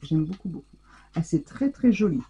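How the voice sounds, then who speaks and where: A woman's voice: lowish voice, lively intonation, normal speed, mellow, breathy edge, dull audio. A woman hosting a casual scrapbooking vlog, effusively gushing over the handmade gifts she unwraps. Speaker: scrapbooking channel host. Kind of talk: casual mail-opening vlog.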